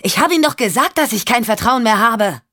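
A woman voicing a tough young female investigator in an audiobook, talking in a sharp, raised, confrontational voice. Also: lowish voice, moderate pace, husky. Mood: angry, challenging. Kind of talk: audiobook character voice.

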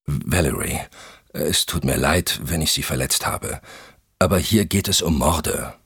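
A man voicing a calm, firm private investigator in an audiobook. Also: extremely low pitch, measured pace, creaky, breathy edge, no room sound, clean studio sound, heavily acted.

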